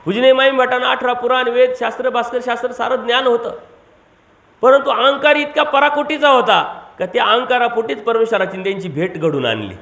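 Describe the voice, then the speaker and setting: A monk delivering a devotional sermon, asking rhetorical questions and repeating key words for emphasis. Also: male voice, very high voice, brisk, vocal fry, a bit bright. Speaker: monk preacher. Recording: echoey room.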